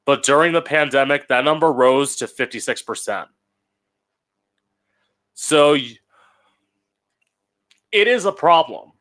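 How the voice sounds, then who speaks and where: A man hosting an opinion show as a campy drag queen, blunt and opinionated, with drawn-out emphatic phrasing. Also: medium pitch, fairly bright tone. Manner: blunt, opinionated, swears freely. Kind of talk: opinion monologue.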